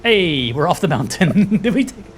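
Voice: medium pitch, big pitch swings, moderate pace, slight background noise. A person giving casual let's-play commentary on a video game, playful and often talking to themself. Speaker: gaming streamer playing and commenting. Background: game music.

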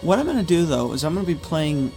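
A man's voice: a little high, big pitch swings, fast, vocal fry, a little mellow, soft background music. A man hosting a gaming video with casual, rambling, conversational commentary. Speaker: gaming channel host.

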